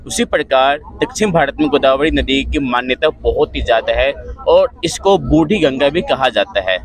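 Packed train cars and station platforms are the setting for this casual travel vlog by a man in his twenties. His voice sits a little high, and he chats with passengers and addresses viewers as friends while holding his phone at arm's length. The audio is poor, with loud train and outdoor background noise.

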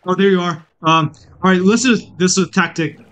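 A man's voice: high voice, a little fast, fairly bright tone. A man in casual gaming chat, teasing his friends with crude banter. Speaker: gamer.

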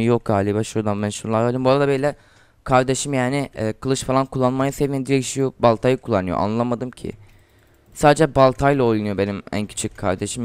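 A teenage boy from Turkey talks his viewers through a game, trash-talking opponents and getting loud and excited in fights. His voice is very clear and sits in a middle range. The sound is dry and close, from a desk mic at his computer. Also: medium pitch, no echo. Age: teens. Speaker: gaming YouTuber. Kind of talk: casual gameplay commentary.

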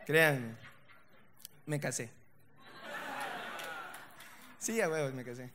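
A young man with a Salvadoran accent performing a stand-up comedy set, slangy and punchy, tossing loud asides to the crowd. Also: mid-range voice, slow, noisy background. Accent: Salvadoran Spanish. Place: comedy stage before a live audience.

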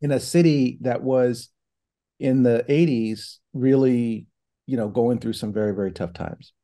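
A man's voice: medium pitch, a little slow, warm tone. A middle-aged man talking casually from a home office over a video call, thoughtful, with many fillers and restarts. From New Hampshire and Ohio, United States. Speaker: guest, foundation president. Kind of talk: casual online interview. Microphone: video call from laptop.

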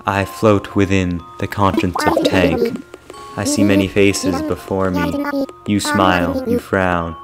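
A man voicing a mystical female fortune teller who gazes into her crystal, speaking in a slow, solemn way. The voice sits very low, with loud game music playing behind. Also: level tone.

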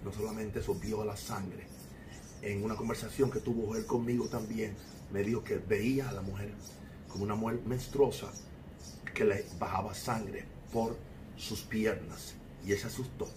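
A man's voice: fairly low pitch, fairly even intonation, normal speed. A male host solemnly reflecting on a voice message he has just played to his listeners. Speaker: host and preacher. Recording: distant mic with noisy background.

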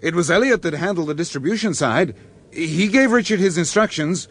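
In a radio crime drama, a male actor voices a cornered American crime boss and proud gambler, halting and stammering under pressure. His full character voice sits high and sounds husky and expressive. The mood is agitated and desperate.

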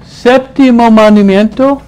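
A priest with an extremely high yet dark voice talks a congregation through the commandments, speaking slowly with fairly even intonation on a low-quality recording. He keeps it conversational and humorous, chuckling at his own jokes and closing nearly every phrase with a questioning "¿no?".

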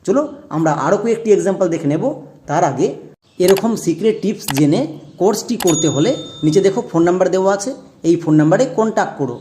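A man's voice: sits high, fast talker, warm tone, slight background noise. A man teaching English pronunciation in a classroom-style lesson, spelling out words letter by letter and asking his viewers questions as he explains.

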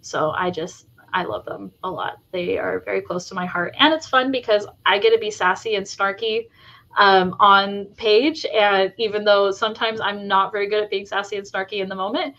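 A woman fantasy author chatting as an interview guest. She talks enthusiastically, filling pauses with ums and likes, at a medium pitch. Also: steady tone, a bit bright, highs cut off. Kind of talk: casual interview chat.

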